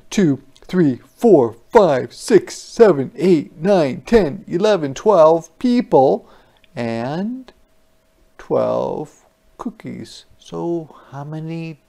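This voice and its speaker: A storyteller with a medium-pitched, gravelly voice reads a picture book aloud to children. The interactive read-aloud is animated, with playful, wondering asides to the young listeners.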